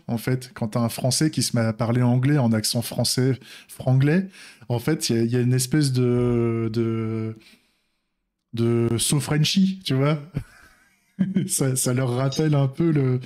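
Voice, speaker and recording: A man's voice: mid-range voice, warm tone. Rambling French man, casual chat. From France. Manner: rambling, many restarts and filler words. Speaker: indie game developer.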